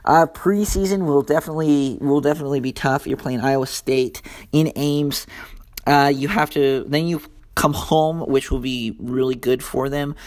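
A man's voice: a little high, fairly even intonation, moderate pace. A young American man hosting a casual solo sports talk, rambling through his thoughts with many fillers and restarts. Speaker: sports podcast host.

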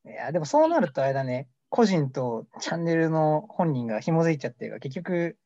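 A young amateur co-host of a casual mock radio show rambles and jokes about himself in a voice on the high side, dark in tone, with big pitch swings. He talks fairly quickly. The recording is dull, dry, lo-fi and free of echo.

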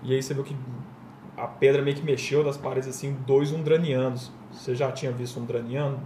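Game master, male, fast loose narration, off-mic in an echoey room. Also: mid-range voice, little pitch movement, dark tone, far from the mic, a little hiss or hum.

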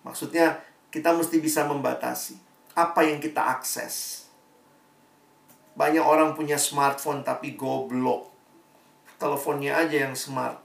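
A man's voice: medium pitch, creaky. A man preaching a sermon to young people, telling stories and acting out both sides of the conversations. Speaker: youth preacher. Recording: echoey hall, voice from far off.

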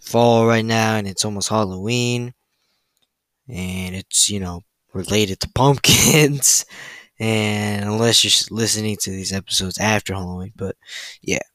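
Young man, podcast host, bright forceful voice, chatty and rambling, stumbles over words, dry close sound. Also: fairly low pitch, steady tone, unhurried, no room sound, poor audio. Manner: loose and chatty, fillers and self-corrections, stumbles over words. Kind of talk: casual solo podcast reading facts.

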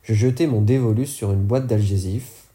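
A man's voice: on the low side, normal speed, mellow. A man reading an audiobook narration steadily, now and then correcting a slip. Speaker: audiobook reader.

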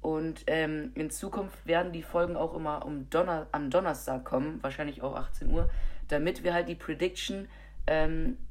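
Co-hosting a podcast while she has a cold, a woman chats casually about football with many fillers and restarts. Her voice is deep, with fairly even intonation and a moderate pace.

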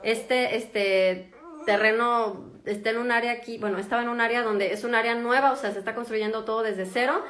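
Chatty Mexican woman, high voice. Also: steady tone, moderate pace, crowd noise. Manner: chatty, laughs often, many fillers. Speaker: doctor and vlogger. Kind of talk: casual chat to viewers. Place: her home in Germany. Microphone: phone camera.

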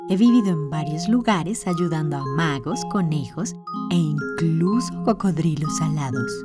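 A woman narrating a children's fairy tale in a gentle, expressive way. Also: low voice, measured pace. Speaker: storyteller. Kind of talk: children's storytelling. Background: faint music.

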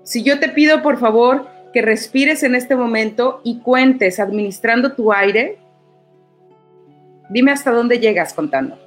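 A woman's voice: a little high, a little slow, soft background music. A middle-aged woman, a voice-over artist and teacher, talking in an interview and acting out quoted lines in a raised voice. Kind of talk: conversational interview answer.

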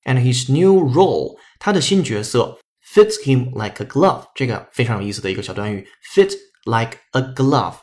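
A man's voice: mid-range voice, lively intonation, normal speed, few pauses, darkish tone. Patient male English teacher. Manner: patient, explanatory, with frequent "ah" and "uh" fillers. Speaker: English teacher and podcast host. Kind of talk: explaining English sentences in a language-learning podcast.

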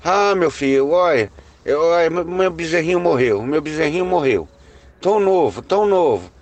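A man's voice: mid-range voice, animated, normal speed, lightly acted. A man voicing a frightened, pious older farm woman who is near tears. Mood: grieving.

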